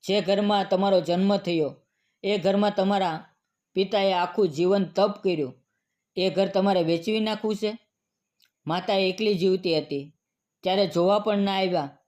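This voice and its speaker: A man's voice: high-pitched, fairly even intonation, a little slow, pauses often, a little mellow. A man reading the lines of angry villagers who scold two neglectful sons in a storybook tale, in a reproachful manner.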